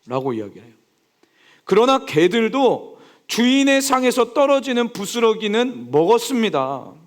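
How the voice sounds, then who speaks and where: Young man preaching, high pitched and animated, acts out voices. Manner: lively preaching, asks the congregation questions; acts out quoted speech with big swings in pitch. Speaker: pastor. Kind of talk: sermon.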